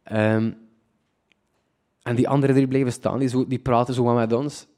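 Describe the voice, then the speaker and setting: A young Flemish man recounts a personal story in a mellow, warm voice. He talks in an excitable, lively way, tripping over his words and restarting often. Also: medium pitch, moderate pace. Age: young adult. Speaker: student telling a personal story.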